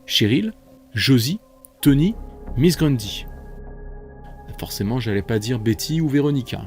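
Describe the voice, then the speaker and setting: A man's voice: mid-range voice, lively intonation, a little slow, faint music behind. A man hosting a multiple-choice quiz, reading out questions and options with playful, chatty asides. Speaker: quiz host.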